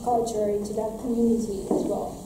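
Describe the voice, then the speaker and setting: A young Romanian woman, a graduate student presenter, answers audience questions from a lecture podium indoors, sounding earnest, with many restarts and fillers. Her voice is medium-pitched and level, and she speaks briskly. A distant room mic picks her up, so the lecture room sounds echoey and background noise is audible.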